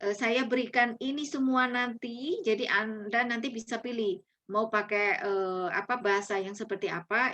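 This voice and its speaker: A woman teaches presentation skills in an online class, chatting along with lots of fillers and restarts and slipping English phrases into her speech. Her voice is a little high and a bit bright, and the highs are cut off.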